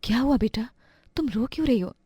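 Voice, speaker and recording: A soft, encouraging young mother, as a woman voices her for a cartoon. Her voice is slightly high. The sound is dry and close. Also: lively intonation, a little fast, slightly rough, no echo. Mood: caring. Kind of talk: cartoon voice acting.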